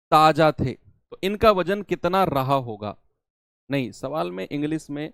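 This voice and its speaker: A man's voice: high-pitched, smooth, dry recording, studio quality. A man teaching a math lesson, explaining problems step by step and asking his students questions as he goes.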